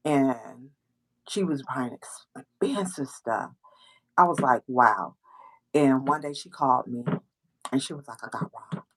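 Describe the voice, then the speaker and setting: A woman hosting a casual chat, telling a story with lively acted-out quotes. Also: a bass voice, a little slow, pauses often, slightly rough, rough recording. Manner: animated storyteller, acts out quoted voices. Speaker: host.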